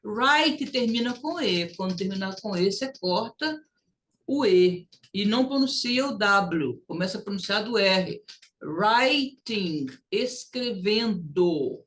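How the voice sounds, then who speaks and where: Woman teaching english, slow and careful, says each phrase clearly for students to repeat. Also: mid-range voice, lively intonation, slight background noise. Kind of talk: recorded classroom lesson.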